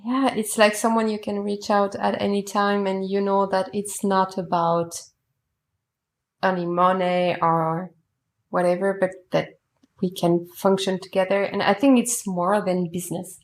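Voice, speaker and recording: A woman's voice: mid-range voice, flat delivery, a little slow. A woman from France, a native French speaker, hosting a casual podcast chat in English, asking eager questions and laughing often. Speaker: podcast host.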